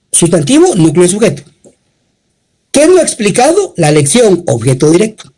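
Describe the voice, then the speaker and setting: A woman teaching a grammar class, explaining step by step in short phrases and pausing to check the listeners follow. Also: medium pitch, dark tone, slightly rough, poor audio. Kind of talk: classroom lecture.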